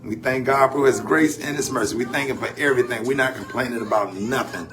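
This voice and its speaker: An older man with a Southern American accent hosts a radio morning show over music, his voice medium in pitch. He talks casually and loosely about faith and grief, laughing and drawing out his Southern phrases, mixing banter with reflection.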